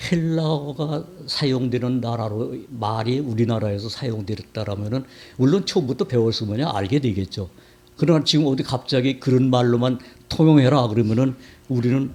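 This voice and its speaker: A man preaching from the pulpit of a church sanctuary, his voice sitting at an ordinary middle pitch. He keeps the sermon conversational and often stops to ask the congregation questions. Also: darkish tone.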